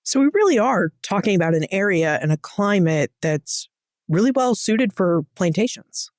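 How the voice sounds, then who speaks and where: A woman hosts a history podcast interview and asks careful, thoughtful questions at a measured pace. Her voice sits in a middle pitch and sounds dry and close. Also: lively intonation, darkish tone, no room sound. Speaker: podcast host.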